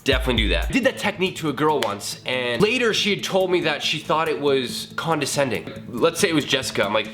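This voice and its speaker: A man's voice: medium pitch, big pitch swings, quick pace, hardly any pauses, over music. A hungover man hosting a casual comedic vlog, talking to camera in a goofy, jokey way with casual swearing. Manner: jokey, goofy, breaks into giggles and exclamations. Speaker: video creator and host.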